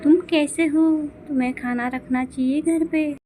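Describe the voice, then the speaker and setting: A woman's voice: sits high, fairly even intonation, a little slow, dark tone, slight background noise, pitched above the performer's own voice. A woman voicing Champa, a demanding female crow who complains about food. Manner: complaining, bossy.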